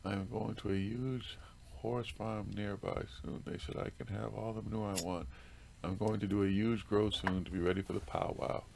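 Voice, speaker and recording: A man with a fairly low, creaky voice chats casually as a livestream co-host. A little noise sits behind him. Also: level tone, moderate pace, darkish tone. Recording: noticeable background noise on livestream.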